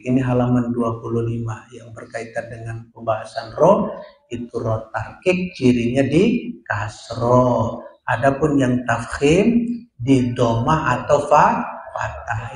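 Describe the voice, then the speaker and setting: Guy teaching recitation in a prayer room, slow and careful, says sounds out loud, lots of echo. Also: medium pitch. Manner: explains step by step, models sounds aloud. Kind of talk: tajwid lesson at a prayer hall.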